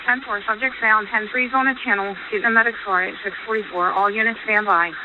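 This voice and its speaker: A woman police dispatcher heard over a police radio, brisk and businesslike, calling out codes and times. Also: medium pitch, fairly even intonation. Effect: police radio transmission. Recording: tinny radio with static.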